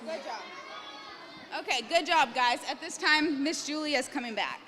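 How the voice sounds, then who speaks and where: Woman camp leader, high voice, coaxing and upbeat, long hall reverb, faint noise behind. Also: some chatter behind. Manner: upbeat, coaxing, recites verses slowly and loudly. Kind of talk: leading children in a scripture recitation.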